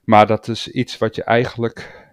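A man's voice: on the low side, little pitch movement, measured pace, clean tone, no room sound, studio quality. A man with a Dutch accent co-hosting a podcast, speaking hesitantly with frequent restarts and filler sounds. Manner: hesitant, restarts often, agreeable. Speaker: podcast co-host. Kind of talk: casual podcast discussion.

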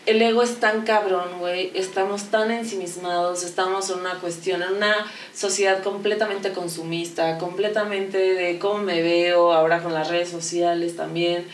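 A woman's voice: fairly low pitch, recorded from a distance, a little hiss or hum. Candid Mexican woman, echoey off-mic sound. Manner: candid, slangy storytelling with frequent swearing. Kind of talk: casual conversation. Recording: echoey room, voice a bit off-mic.

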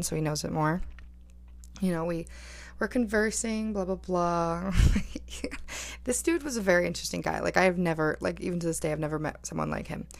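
Chatty young woman, gravelly low voice. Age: 20s. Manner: chatty, lots of "like", laughs while telling. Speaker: storyteller. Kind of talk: casual storytime.

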